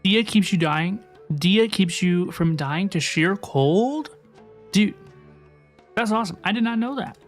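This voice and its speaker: A young woman streaming a game, chatty and excitable, with slangy casual talk. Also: mid-range voice, unhurried, soft background music.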